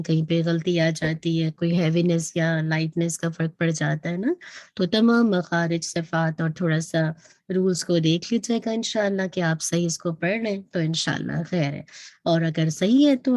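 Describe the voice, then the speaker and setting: A woman's voice: lowish voice, no echo, studio quality. Patient woman teaching recitation. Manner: patient, demonstrates sounds and checks back often. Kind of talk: online tajweed lesson.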